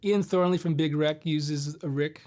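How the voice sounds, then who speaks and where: A man's voice: a little high, moderate pace. A middle-aged man hosting a live guitar Q&A stream from his home studio, chatting loosely through viewer questions with fillers and detours. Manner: relaxed, rambling, answers viewer questions with fillers. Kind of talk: casual live-stream chat.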